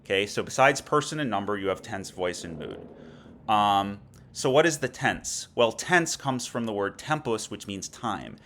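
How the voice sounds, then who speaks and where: A man's voice: on the low side, animated, moderate pace, fairly bright tone, slight background noise. A man teaching a recorded lecture, explaining patiently and checking in often with "okay?". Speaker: Latin teacher.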